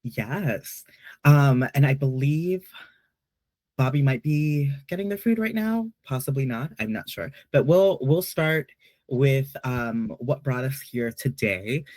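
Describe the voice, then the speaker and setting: A chatty man from Peru hosts a casual online panel. He jokes around and hedges with frequent "um"s, speaking at a middle pitch. The sound is dry and close. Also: lively intonation, takes it slowly, darkish tone, no room sound. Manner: playful, chatty, hesitant fillers. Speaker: panel moderator.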